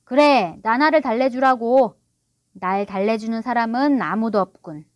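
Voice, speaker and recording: A woman's voice: fairly high pitch, lively intonation, normal speed, dry recording, clean studio sound, natural voice. A woman voicing a proud, sulky middle-aged father who blusters and gets defensive. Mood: indignant.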